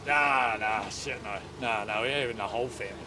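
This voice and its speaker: A man's voice: mid-range voice, fairly quick, a loud crowd. A man with a broad New Zealand accent bantering casually as an interviewer, blokey, teasing and full of slang. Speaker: interviewer filming speedway drivers. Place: outdoors at a speedway. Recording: noisy outdoor trackside, vehicles behind.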